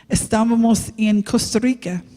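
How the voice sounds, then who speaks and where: Slow woman preaching in echoey church. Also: on the high side, dark tone. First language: English. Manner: slow, halting non-native Spanish with restarts. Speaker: missionary preacher. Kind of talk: sermon with personal story.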